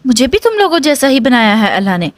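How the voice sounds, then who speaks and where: A heartbroken young brother pleads and breaks into anguished, tearful outbursts, as a woman reading aloud puts him on. The voice sits fairly high and swings widely in pitch, heard dry and close in a storybook reading. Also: very animated, no room sound. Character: grief-stricken young man, devoted loving brother.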